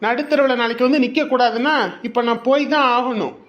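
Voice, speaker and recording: A man's voice: extremely high pitch, fairly even intonation, a little fast, dull audio. An actor playing a stubborn young husband who lectures his wife and turns harsh, in a family drama. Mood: angry scolding. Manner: lecturing, repeats himself, grows harsh. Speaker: husband leaving home for work. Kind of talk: Tamil family drama acting.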